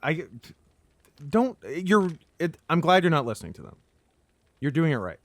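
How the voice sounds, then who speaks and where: Playful, animated man bantering as co-host. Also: fairly high pitch, moderate pace, dry recording. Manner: playful, riffing, stammers into repeats. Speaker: gaming show co-host. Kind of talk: casual comedic banter.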